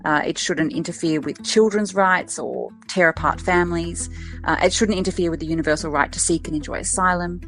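Aussie woman legal expert, pretty low voice, measured interview answers. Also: a bit bright, faint music behind. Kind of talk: formal interview comment.

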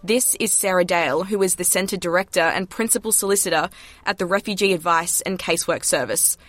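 A woman's voice: on the low side, fairly quick, fairly bright tone, no room sound, soft background music. A woman news reporter, delivering scripted news narration.

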